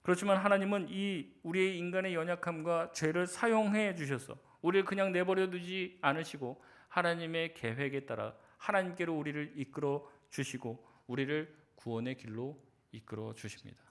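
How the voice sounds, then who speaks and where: High-voiced pastor preaching conversationally. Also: male voice, normal speed, few pauses. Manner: conversational preaching with rhetorical questions, acting out quoted inner voices. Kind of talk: sermon.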